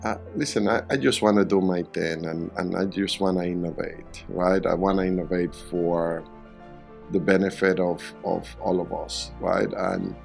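A middle-aged man from Venezuela answering interview questions in a halting way, often repeating words while he searches for them. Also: low voice, fairly even intonation, gravelly, darkish tone, soft background music. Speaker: real estate developer, guest.

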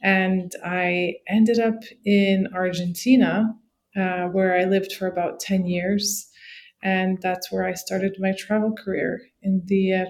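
A woman from Morocco, a podcast guest, telling her story in a friendly, relaxed way with fillers. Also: medium pitch. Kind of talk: casual interview chat.

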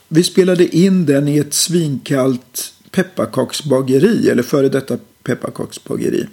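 A middle-aged man, a musician, calmly telling stories about his old band in a casual interview, with lots of hesitations. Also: medium pitch, creaky. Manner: relaxed, reflective storytelling with many fillers. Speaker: musician guest.

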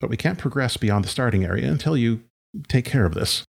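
A man's voice: medium pitch, animated, fairly quick, creaky, husky, pitched above the performer's own voice. A man voicing an impatient female AI helper program that urges the player to hurry, with a sly, amused edge.

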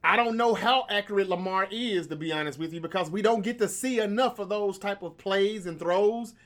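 A man hosting a casual sports debate podcast, animated and making bold predictions. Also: sits high, brisk. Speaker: podcast host.

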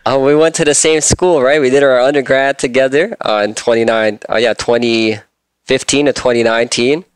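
A man's voice: mid-range voice, steady tone, brisk, clean tone, no echo. A man in his twenties, from Austria, speaking as a guest on a podcast, eager and rambling with restarts. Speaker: guest listener. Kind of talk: casual podcast chat.

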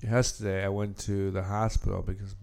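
Man, American accent, lowish voice, podcast host, casual chat. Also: little pitch movement, a little fast, gravelly, darkish tone.

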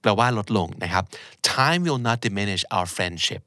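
A man's voice: fairly low pitch, lively intonation, pushed and bright, dry recording, studio quality. A man teaching English vocabulary in a casual lesson, patiently explaining each word and repeating it. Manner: patient, explains words slowly and repeats them.

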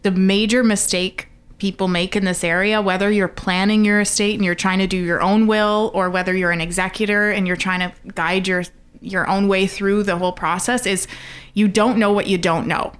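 A woman's voice: mid-range voice, steady tone, normal speed, smooth. A Canadian woman speaking as an expert podcast guest, explaining conversationally and stressing her points.

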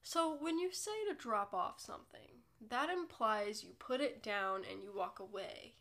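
On her solo podcast, a young woman with a cold sounds congested as she rambles casually and makes self-deprecating jokes. Her voice is on the high side and a bit bright, with lively intonation and a slightly slow pace.

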